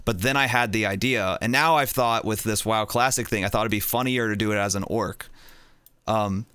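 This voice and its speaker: A man's voice: fairly low pitch, normal speed, sharp tone, smooth, dry recording. A young man streaming a game, chatting casually and rambling, getting distracted as he goes. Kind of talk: casual gaming chat.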